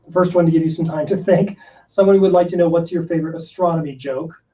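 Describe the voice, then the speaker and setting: A man reads out viewers' questions plainly, in a fairly high, mellow voice. He sits back from the mic, so he sounds distant and a little muffled. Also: fairly even intonation, quick pace. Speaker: Q&A moderator.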